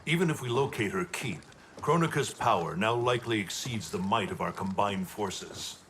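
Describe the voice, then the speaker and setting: A wise guardian god in a dramatic video game. His voice is fairly low, formal and grave, as if heavily burdened. Light background noise is present. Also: expressive, moderate pace, fairly bright tone. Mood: grave, troubled. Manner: formal, stately.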